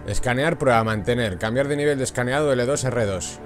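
A man's voice: medium pitch, a little fast, over music. A man giving casual, joking let's play commentary. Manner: casual, joking, reads game prompts aloud. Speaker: gamer.

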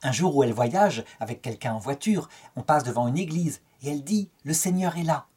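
A man's voice: mid-range voice, expressive, a little fast, darkish tone, husky. A middle-aged French man giving a spoken lecture on a saint's life, telling it as a story and lifting his tone to quote the people in it. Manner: storytelling, quotes dialogue with lifted tone.

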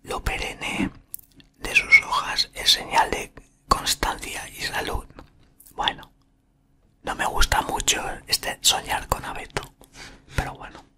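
Breathy whispering man, very close up. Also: bright, forceful tone. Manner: slow, halting murmur close to the microphone. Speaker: ASMR content creator. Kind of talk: whispered ASMR reading from a book. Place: small room indoors. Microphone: desktop condenser microphone, very close.

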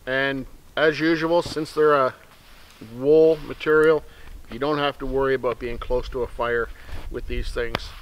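For his outdoor channel, a middle-aged man chats relaxedly to camera while sitting in a snowy forest, drifting off topic and speaking softly to his dog. His medium-pitched voice is smooth and a little slow, though the recording is rough.

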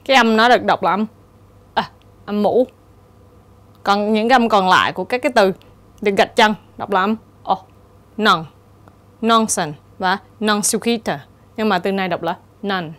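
A woman teacher giving a steady, explanatory exam-prep lesson and reading the answer options aloud. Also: medium pitch, fairly quick, pauses often. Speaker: English teacher.

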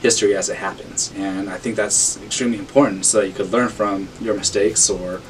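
A man's voice: lowish voice, steady tone, a little fast. A man from Sacramento, a board member, speaking to camera in an earnest, conversational way from a small office. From Sacramento, California. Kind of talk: casual reflection to camera. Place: small office room with banner. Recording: distant mic with faint room hum.

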